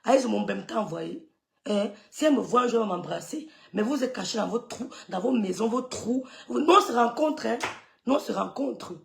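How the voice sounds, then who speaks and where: Middle-aged woman with a high, gravelly voice, scolding in a live rant. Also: lively intonation, moderate pace, slight background noise. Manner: scolding, scornful, repeats dismissive sucks of the teeth. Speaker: social media gossip streamer. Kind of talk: heated live-stream rant.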